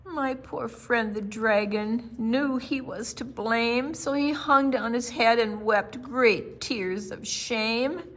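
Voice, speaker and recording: A woman whose voice is a little high reads a rhyming picture book to children. Her style is theatrical and expressive, marked by dramatic pauses and emphasis.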